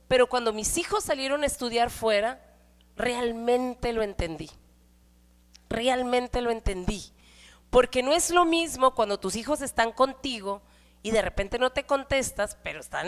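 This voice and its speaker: A middle-aged woman with a Mexican Spanish accent, giving a conversational sermon in church with frequent rhetorical questions. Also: high voice. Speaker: church speaker. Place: church hall. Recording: hall reverb.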